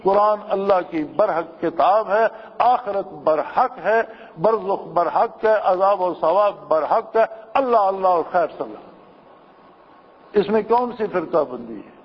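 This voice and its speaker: A man preaching a sermon in a high voice, pressing his points with rhetorical questions. His voice carries a long hall reverb, and the sound is muffled and dull. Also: expressive.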